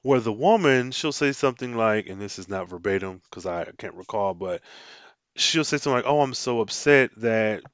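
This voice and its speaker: A man with a lowish voice hosts his own podcast, talking briskly and animatedly on his own. The sound is lo-fi with no echo. He restarts sentences often and acts out quotes in a mock-dramatic way.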